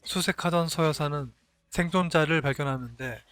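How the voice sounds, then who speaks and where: A man reading scripted recap narration as a drama reviewer, in measured storytelling statements. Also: fairly high pitch, fairly bright tone, a little hiss or hum. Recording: voice-over with faint music behind.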